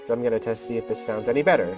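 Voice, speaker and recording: Over music, a young game streamer chats casually into a headset mic at a very fast clip, his medium-pitched voice slightly off after a recent illness. He rambles and pokes fun at himself.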